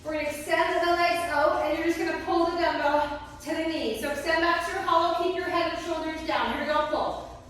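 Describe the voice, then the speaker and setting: A woman's voice: very high-pitched, steady tone, brisk, fairly bright tone. A woman fitness instructor coaching a workout in short clipped cues and countdowns, encouraging and puffing with exertion as she exercises along. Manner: encouraging, working out along with viewers. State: exerting, puffing between sets. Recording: echoey hall, distant microphone.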